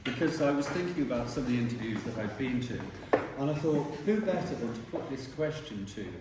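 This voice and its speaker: A man, a retiring teacher giving a rambling speech at a dinner and often clearing his throat. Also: mid-range voice, expressive, fairly quick. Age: 60s. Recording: echoey hall from far off, noisy.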